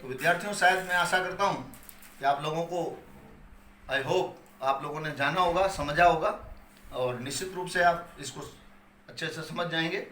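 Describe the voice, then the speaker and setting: A man's voice: a little high, moderate pace, pushed and bright. Echoey Hindi-speaking male grammar teacher. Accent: Hindi-accented English. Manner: explains patiently, repeating key points and asking questions he then answers. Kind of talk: classroom lecture. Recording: echoey room with faint ambient noise.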